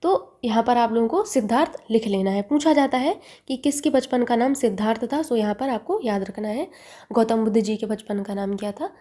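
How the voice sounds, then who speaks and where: A woman teaching an exam-prep lesson who keeps asking quick quiz questions and then repeating the answers. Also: on the high side, warm tone.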